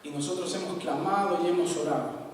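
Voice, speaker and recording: Pastor preaching in an echoey hall. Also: male voice, on the high side, a little fast, distant mic, a little hiss or hum. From Peru. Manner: dramatic storytelling, swinging between loud emphasis and soft asides. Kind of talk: sermon.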